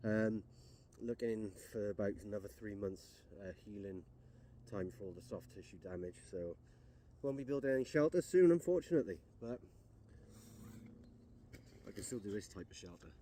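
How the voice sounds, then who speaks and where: Out of breath, a man vlogs casually to camera in the woods, chatty and poking fun at himself while pitching a tent. His voice is lowish and warm at a normal pace, with a little hiss or hum underneath.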